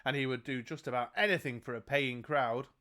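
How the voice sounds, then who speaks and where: A man's voice: medium pitch, brisk, bright, forceful tone. Man narrating a gamebook. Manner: laughs often, jokes between read passages. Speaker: game master narrating a gamebook. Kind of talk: reading a gamebook aloud with banter.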